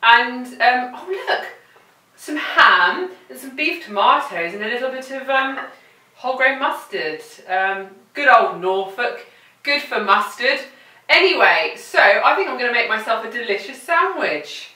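In a home kitchen, a woman presents a cooking demonstration, chatty and playful and talking to the food as she works. Her voice is fairly high, animated, a little slow, bright and forceful. The mic sits at a distance in the roomy kitchen.

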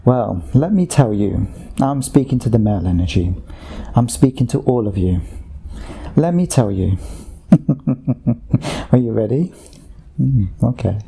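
A man speaking under hypnosis as a channeled voice, slow and repetitive, addressing listeners like a sermon. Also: mid-range voice, animated, creaky, mellow, a little hiss or hum.

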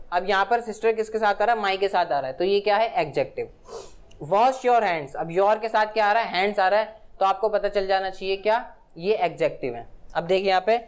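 A woman teaching English grammar in Hindi. She reads English examples slowly and often stops to ask whether the point is clear. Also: mid-range voice. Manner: explains in Hindi, reads English examples slowly, asks frequent check-in questions. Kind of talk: classroom-style grammar lesson.

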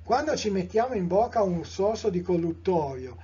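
Italian guy giving a live lecture, very husky dark voice, lots of eh and restarts, dull lo-fi recording. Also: high-pitched, lively intonation. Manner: measured, discursive, with frequent fillers and self-corrections; addresses listeners directly with rhetorical questions.

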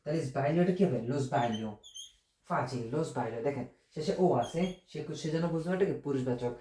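A Bengali-speaking man teaching Italian grammar, explaining step by step with many rhetorical questions and repeating words slowly. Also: mid-range voice, warm tone, reverberant, a little hiss or hum. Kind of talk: informal online language lesson.

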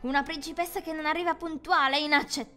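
A woman's voice: high-pitched, fairly even intonation, racing. A woman playing a haughty, imperious judge. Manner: sharp and imperious. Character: haughty contest judge, strict and demanding.

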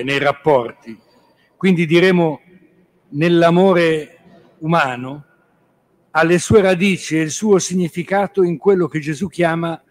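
A priest delivering a reflective homily in an unhurried, deliberate rhythm. His man's voice sits somewhat high, and he circles back to rephrase each idea patiently. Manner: measured and reflective, restating points with 'cioè'. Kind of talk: spiritual reflection on scripture.

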